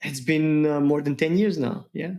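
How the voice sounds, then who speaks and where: Male engineer guest, lightly raised pitch, halting and casual. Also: a little mellow. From Serbia. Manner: halting, many fillers, laughs easily. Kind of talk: casual tech interview.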